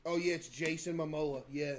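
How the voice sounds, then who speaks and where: A man's voice: fairly high pitch, steady tone, normal speed, a little hiss or hum. A man streaming casual live reaction commentary, exclamatory and incredulous in manner.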